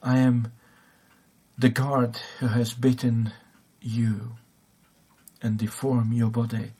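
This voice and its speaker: A man voicing a broken, repentant male prison guard confessing in halting phrases within a sermon. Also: mid-range voice, monotone, warm tone, slightly rough. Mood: remorseful.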